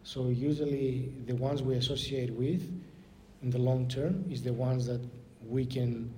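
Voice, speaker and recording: A man with a Greek accent giving a spiritual talk as a clergyman, answering questions in a measured, instructive way. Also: warm tone. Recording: noisy room with low rumble.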